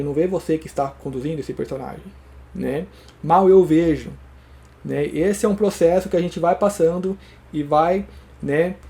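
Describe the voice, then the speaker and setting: A man's voice: fairly high pitch, warm tone. A man gives a reflective spiritual talk, answering viewer questions and thinking aloud with frequent tag questions. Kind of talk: reflective spoken monologue.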